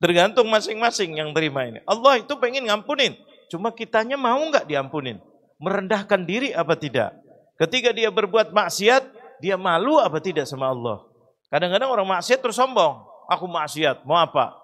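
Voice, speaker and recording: Male mosque preacher with a fairly high voice. Lively sermon, asks and answers his own questions, chants verses. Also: a little fast. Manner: lively, rising to loud emphatic cries; rhetorical questions answered himself.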